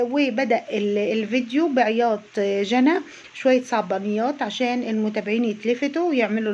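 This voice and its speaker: Fast sarcastic Egyptian woman vlogger. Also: a little high, darkish tone, dull audio, slight background noise. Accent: Egyptian Arabic. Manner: mocking, chatty, addresses viewers directly. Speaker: YouTube reaction vlogger. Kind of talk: casual sarcastic reaction commentary.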